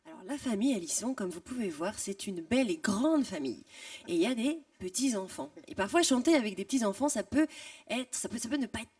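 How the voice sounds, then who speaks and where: A woman's voice: a little high, animated, fast, a little mellow, no room sound, recorded from a distance. A woman speaking off the cuff as a coach on a TV singing show, sometimes repeating herself hesitantly. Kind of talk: unscripted presentation.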